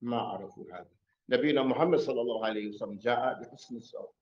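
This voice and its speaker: A man's voice: mid-range voice, fast. A man teaching a bilingual mosque lesson on Quran recitation, quizzing his class as he goes. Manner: asks the class questions, switches between Arabic and English. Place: mosque hall. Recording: echoey muffled mosque recording.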